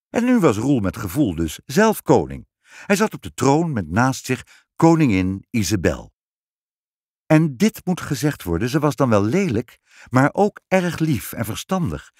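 Male storybook reader, Dutch accent, expressive, dry close recording. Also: mid-range voice, dry recording. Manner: expressive, animated. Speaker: narrator. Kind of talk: storybook reading.

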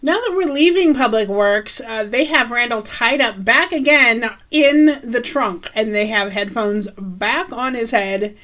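A woman co-host talks through an episode in relaxed conversation. Her voice sits a little high, and she keeps the recap moving with chatty asides. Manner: chatty, recounts scenes with quick asides and laughs. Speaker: podcast co-host. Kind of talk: casual chat recapping a TV episode.

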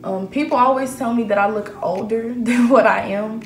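A woman's voice: fairly high pitch, moderate pace. Young woman, nineteen, confident talk to camera with many fillers, roomy echo. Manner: chatty, self-assured, with many fillers. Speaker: aspiring model vlogger. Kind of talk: casual Q&A vlog to camera. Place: small room indoors.

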